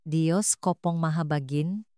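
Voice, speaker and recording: A woman narrator voicing a kind older woman who shelters a runaway girl, speaking in a hushed, soothing way in a storybook tale. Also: low voice, slow pace, no echo, clean studio sound.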